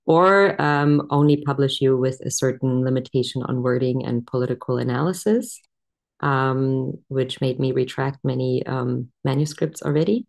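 Middle-aged woman panelist, very deep voice, halting and thoughtful, video call. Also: vocal fry, darkish tone. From Germany. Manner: hesitant, many ums, thoughtful. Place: home room indoors.

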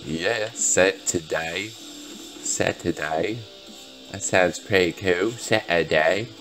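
Just out of bed and still tired, a gaming video host talks slowly in a deep, fairly bright voice, with faint music behind him. His commentary on the gameplay is relaxed and meandering, aimed at his viewers.

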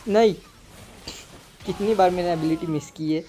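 A young man commentating his own mobile game live, excitable and talking to himself with frequent mild swearing. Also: high-pitched, normal speed, slight background noise. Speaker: gaming streamer.

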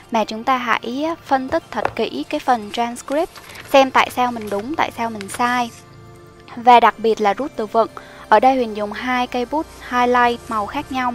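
A young woman explaining study tips as a teacher, in a chatty, explanatory way with soft fillers. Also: on the high side. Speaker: IELTS teacher. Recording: soft music behind the voice.

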